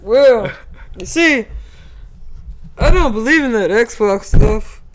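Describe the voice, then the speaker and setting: A speaker playing a laid-back drunk hobo with a lisp, drawling loudly in improvised character play. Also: medium pitch, animated, slow, a little hiss or hum, voice pushed up. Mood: carefree. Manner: loud, raised, drawling and carefree.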